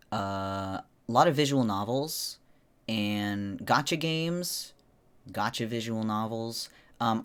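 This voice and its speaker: A man streamer talking casually and informally to viewers on a solo livestream, in a rambling way. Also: mid-range voice.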